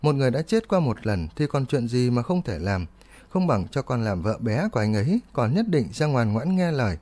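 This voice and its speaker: Guy doing a clingy young girl voice, sweet pleading, kinda mellow tone. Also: medium pitch, very animated, a little fast. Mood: coaxing. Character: young woman, clingy, coaxing, playfully whiny.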